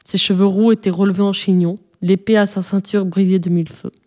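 A woman narrating a children's storybook with an expressive, dramatic reading. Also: medium pitch, fairly quick.

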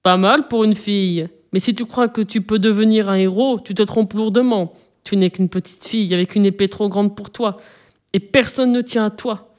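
A woman's voice: medium pitch, fairly even intonation, normal speed, a little mellow, lightly acted. A woman voicing a huge, cruel male giant who sneers and later coaxes sweetly, in a storybook reading. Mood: mocking. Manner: sneering, then falsely sweet and coaxing.

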